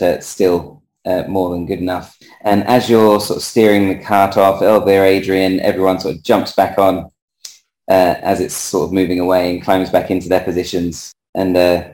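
A man narrating as game master of a tabletop game, relaxed and chatty with frequent hesitations. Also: low voice, roomy sound, poor audio.

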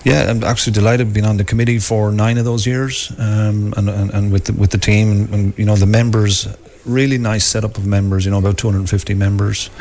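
Low, even-toned man with a Wexford accent. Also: fairly quick, slight background noise. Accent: Wexford Irish. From Wexford, Ireland. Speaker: golf club captain, interview guest. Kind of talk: informal live radio interview.

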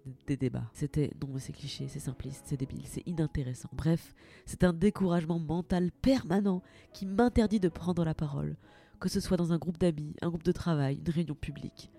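A woman with a fairly low voice hosts a personal podcast monologue. She addresses the listener directly in a lively, self-mocking tone. Faint music plays underneath. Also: creaky. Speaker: podcast host.

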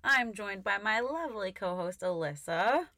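A woman's voice: medium pitch, lively intonation, normal speed, sharp tone, no room sound, studio quality. A woman in her twenties hosting a podcast in casual chat from inside a small closet, chatty and leaning on "like" a lot. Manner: chatty, leans on "like" often. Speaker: podcast host. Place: small closet, recording indoors.

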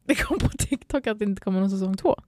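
A woman's voice: mid-range voice, animated, darkish tone, no room sound, studio quality. A young woman from Sweden co-hosting a casual chat podcast, gushing and laughing a lot while swearing freely. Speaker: podcast co-host.

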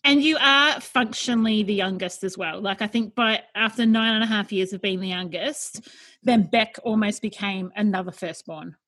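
A woman's voice: mid-range voice, normal speed, a bit bright. An Australian-accented woman hosting a podcast in a casual, chatty interview style. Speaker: podcast host.

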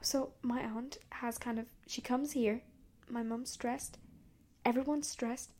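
Speaking slowly in a warm, slightly high voice with fairly even intonation, a young podcast host goes off on a profane, rambling monologue. The rant is heated, and she hisses the insults in a whisper.

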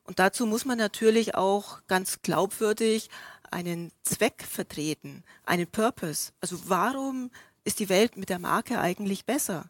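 A woman's voice: mid-range voice, a little slow, no room sound. Woman explaining, very dry sound. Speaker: executive podcast guest. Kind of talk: explanatory interview excerpt.

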